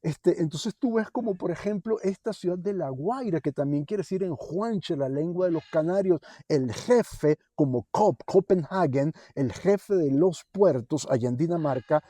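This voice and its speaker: Fervent man preaching, warm voice. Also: fairly high pitch, expressive, measured pace, hardly any pauses, breathy edge, dry recording. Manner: fervent, rising to pleading questions; hesitant fillers and restarts. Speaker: Bible teacher. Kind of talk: Torah portion sermon.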